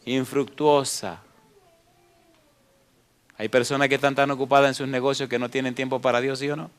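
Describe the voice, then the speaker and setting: A man's voice: medium pitch, little pitch movement, moderate pace, clear, resonant tone. A male pastor preaching a sermon, reading scripture and asking the congregation rhetorical questions.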